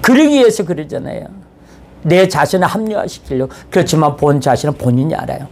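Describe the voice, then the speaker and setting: A man's voice: a little high, big pitch swings, brisk, a little mellow. A male pastor preaching in a conversational way, acting out the dialogue of the story he tells. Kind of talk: sermon.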